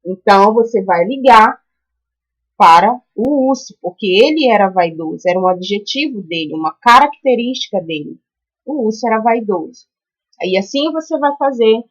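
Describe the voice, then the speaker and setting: A Brazilian woman teaching a primary school class in a recorded lesson, walking through each exercise patiently and stretching out example words slowly. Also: fairly high pitch, highs cut off. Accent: Brazilian Portuguese. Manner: patient, explains step by step and checks in with "tá?".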